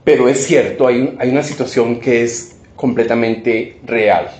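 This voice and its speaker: A man's voice: mid-range voice, a little slow, darkish tone. A man preaching a sermon as pastor, reading scripture aloud and asking the congregation rhetorical questions. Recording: echoey, roomy sound.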